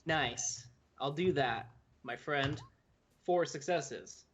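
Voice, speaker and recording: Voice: medium pitch, takes it slowly, dull audio, a little hiss or hum. A player joking around in a casual tabletop game session. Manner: joking, playful.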